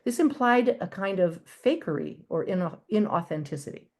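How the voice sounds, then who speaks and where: A woman giving an academic lecture, measured and a little halting, with frequent ums and restarts. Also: medium pitch, expressive, darkish tone. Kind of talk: academic talk.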